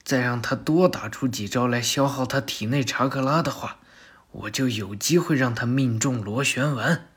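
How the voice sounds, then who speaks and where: A man's voice: mid-range voice, moderate pace, a bit bright, breathy edge, voice pushed down. A man doing a shrewd ninja leader. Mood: scheming. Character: determined middle-aged male ninja leader.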